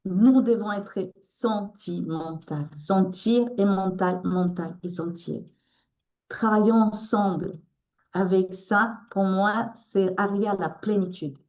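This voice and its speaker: Slow and a little mellow, a mid-range female voice with fairly even intonation belongs to a Spanish-accented resilience coach and therapist guesting in an emotional interview. She speaks earnestly, often restarting sentences as she searches for words.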